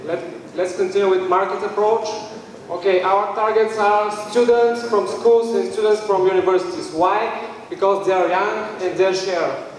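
Presenting for a startup team, this high-voiced young Bulgarian man speaks at a normal speed in a steady tone, though his delivery is hesitant. The live pitch takes place in an indoor event room with a stage, and his handheld mic was captured by a far-off camera, leaving the sound distant, heavily reverberant, and faintly noisy.

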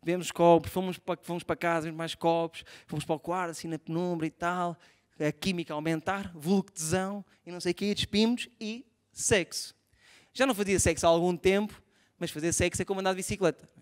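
A young man with a European Portuguese accent doing live stand-up comedy, animated and self-mocking, swinging from soft asides to loud outbursts. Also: high voice, quick pace. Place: theatre stage before a live audience.

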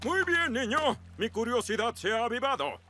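Self-important cartoon adventurer, Latin American Spanish, theatrical, high-pitched and forceful. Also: male voice, very animated, normal speed, soft background music, full character voice. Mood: smug, challenging. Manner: pompous, theatrical declaiming. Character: burly, bombastic, self-important adventurer hero. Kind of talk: cartoon dub acting.

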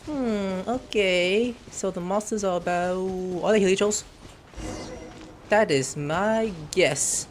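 A gaming streamer with a medium-pitched voice speaks slowly over slight hiss or hum, recorded in a room at home with game music behind. The casual gameplay commentary is playful and exclamatory, full of crude joking.

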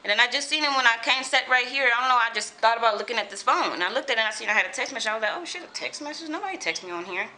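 A woman in her twenties from California talks casually in a home vlog, animated, swearing freely, and repeating herself. Her voice is a little high and rapid-fire with hardly any pauses. The recording quality is low.

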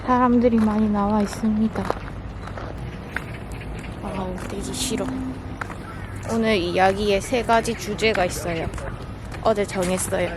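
A woman's voice: medium pitch, steady tone, unhurried, long pauses. A woman vlogging casually about running, chatting informally with grumbling asides between her announcements. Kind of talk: casual running vlog chat. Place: outdoors in town and at sports grounds. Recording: noisy outdoor recording with crowd and traffic.

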